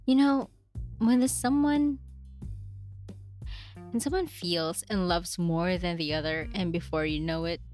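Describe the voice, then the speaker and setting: A young woman reads her diary entries aloud in a relaxed vlog. She is chatty and giggly, and she mocks herself between entries. Her voice sits a little low, with faint music behind her. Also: measured pace, pauses often. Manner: giggly, chatty, self-mocking asides. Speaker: vlogger reading her diary. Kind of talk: casual diary reading.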